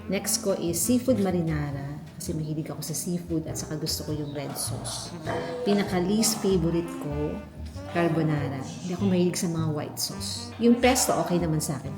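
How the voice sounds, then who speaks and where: A woman's voice: on the low side, echoey room. A woman with a Filipino accent chatting casually to viewers as a food vlogger, mixing languages as she eats and talks. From Philippines. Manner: chatty, eating while talking, code-switching. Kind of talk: casual food haul and mukbang chat to viewers.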